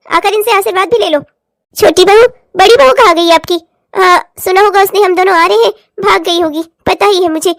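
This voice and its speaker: A woman's voice: very high-pitched, no room sound, studio quality. A woman voicing a bossy, nagging middle-aged mother-in-law in a cartoon, scolding and showing off. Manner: scolding, boastful.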